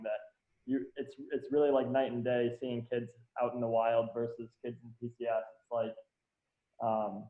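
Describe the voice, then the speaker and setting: Man speaking evenly over a tinny line. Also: mid-range voice. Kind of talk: reflective meeting remarks. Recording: tinny phone-like sound.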